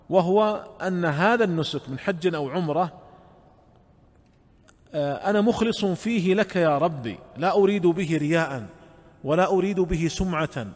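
Man teaching in an echoing hall. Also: high voice. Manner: measured explanatory delivery, repeats key phrases. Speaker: Islamic scholar. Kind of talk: religious lesson. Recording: long hall reverb.

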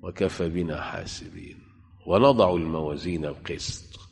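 A man's voice: low voice, normal speed, darkish tone, breathy edge. A man preaching a sermon with an Egyptian Arabic accent, emphatic, putting rhetorical questions to his listeners. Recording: long hall reverb.

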